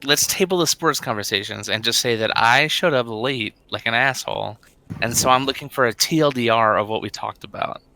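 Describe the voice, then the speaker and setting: A man's voice: medium pitch, fairly quick, sharp tone, a little hiss or hum, poor audio. A man joking casually in a voice-chat guild meeting. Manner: joking, self-mocking. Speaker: guild member.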